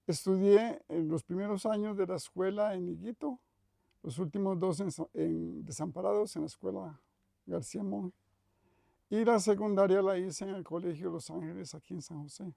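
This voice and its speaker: An older Costa Rican man, a retired professor, reminisces in an interview with a Costa Rican Spanish accent, thoughtful and measured, often restarting and correcting himself. His voice is fairly high yet heavily gravelly and mellow. The recording is close and dry.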